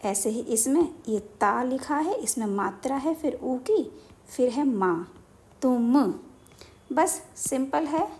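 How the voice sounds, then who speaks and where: A woman's voice: sits high, animated, a little mellow. A woman teaching young children a basic lesson, speaking patiently and repeating each word so they can follow. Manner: slow, patient, repeats words for young learners.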